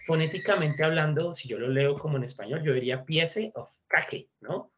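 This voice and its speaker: A man's voice: on the high side, a little fast, slight background noise. Man, English teacher, online class, chatty, mixes in English. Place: video call.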